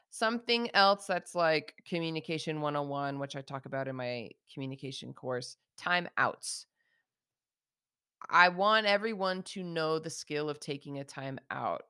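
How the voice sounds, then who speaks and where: Low, smooth-voiced woman podcast host. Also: a bit bright, no room sound, clean studio sound. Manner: direct, casual with slang, slows to model example phrases. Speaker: podcast host teaching communication skills. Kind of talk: casual advice podcast.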